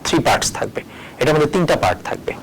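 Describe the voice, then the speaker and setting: A man's voice: fairly high pitch, sing-song, very fast, a little hiss or hum, rough recording. A male teacher giving a recorded board lesson. He spells words out letter by letter and moves between Bengali and English as he explains. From Tripura, India. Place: at a board, erasing and writing.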